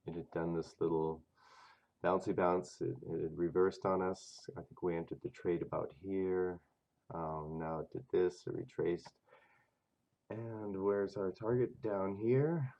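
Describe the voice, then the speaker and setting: A man hosting a trading channel, talking casually over charts in a rough, stuffy voice from a cold, chatty and thinking aloud. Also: sits low, darkish tone. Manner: chatty and self-interrupting, talks to himself over charts. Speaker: forex trading channel host. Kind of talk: casual screen-share chart commentary.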